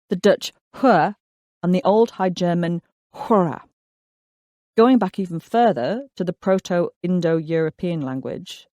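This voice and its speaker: Wry, measured audiobook narrator. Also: medium pitch, dark tone, dry recording, clean studio sound.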